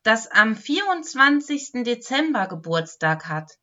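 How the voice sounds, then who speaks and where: A woman's voice: on the high side, sing-song, unhurried, bright, forceful tone, dull audio, voice pushed up, exaggerated voice. A woman doing a friendly Christmas elf. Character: helpful male Christmas elf.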